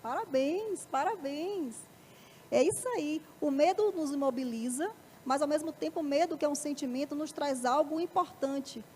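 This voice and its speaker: A woman's voice: high voice, moderate pace, darkish tone, slight background noise. A woman with a Brazilian Portuguese accent gives a live motivational talk in a parish auditorium, often asking the audience rhetorical questions. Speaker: lecturer.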